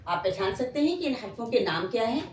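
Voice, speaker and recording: Fast and fairly high-pitched with lively intonation, a woman with a Pakistani Urdu accent gives beginners a slow lesson in reading Quranic letters, patiently drawing out each letter name for them to repeat. Slight background noise and faint ambience fill the echoey room.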